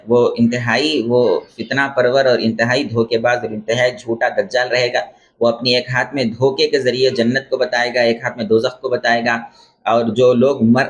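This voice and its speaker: A man teaches a religious lecture in a mid-pitched voice, neither high nor low. He explains terms step by step and repeats key phrases for emphasis. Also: fairly bright tone. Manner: explains terms and corrects pronunciation. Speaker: Islamic scholar teaching beliefs.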